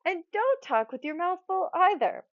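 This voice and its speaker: A woman's voice: extremely high pitch, very animated, normal speed, dry recording, voice pushed up. A woman reading the lines of an anxious elderly wife, in a slightly dull, dry recording. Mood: scolding.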